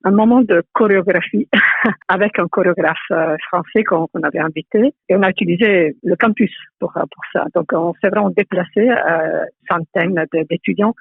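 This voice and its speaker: A middle-aged Italian woman speaks with a clear Italian accent, searching for words and often repeating herself as she answers. Her voice is gravelly and husky. The sound is thin and phone-like, and very dry. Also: on the low side, no room sound. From Italy. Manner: hesitant, many pauses and repeated words. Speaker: architecture professor, guest. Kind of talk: thoughtful interview answers. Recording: tinny phone-like line, dry.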